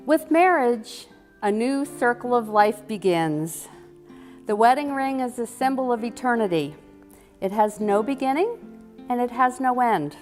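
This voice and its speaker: A woman's voice: on the high side, expressive, measured pace, a little mellow. A woman wedding officiant giving a scripted ceremony address. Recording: echoey hall, music behind.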